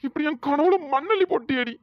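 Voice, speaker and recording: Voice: high-pitched, animated, brisk, lo-fi sound. A performer voicing a hurt young husband in a cartoon story, reproaching his wife. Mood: bitter reproach.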